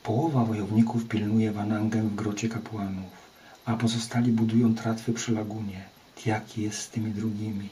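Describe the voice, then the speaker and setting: A man voicing a frightened captive island warrior who pleads for his life, low and dark-toned. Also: level tone, moderate pace, a little hiss or hum, lightly acted. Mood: fearful pleading. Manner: pleading, fearful.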